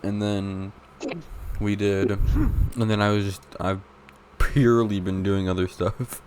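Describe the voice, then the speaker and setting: A man's voice: lowish voice, slow, a little hiss or hum. Young man rambling on a podcast. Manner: rambling, self-interrupting, deadpan teasing. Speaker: podcast co-host. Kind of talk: casual chat.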